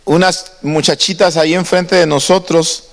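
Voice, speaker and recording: A man's voice: fairly high pitch, fairly even intonation, moderate pace, vocal fry, a bit bright, long reverb tail. A man preaching a sermon to his congregation. He talks in a conversational way and often asks his listeners questions. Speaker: pastor. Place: church.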